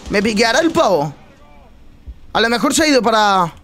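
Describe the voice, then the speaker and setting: A man from chatting casually over gameplay, just woken up, slangy and prone to loud teasing shouts. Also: sits high, very animated, normal speed, slight background noise. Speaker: gaming streamer.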